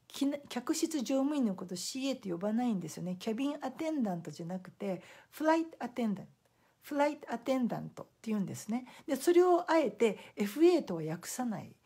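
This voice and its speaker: A middle-aged woman speaks to her live-stream viewers as a simultaneous interpreter, in a casual storytelling way. Her voice is slightly high and a little husky, and it rises and falls a lot as she acts out the people she quotes. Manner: lively storytelling with acted-out quotes.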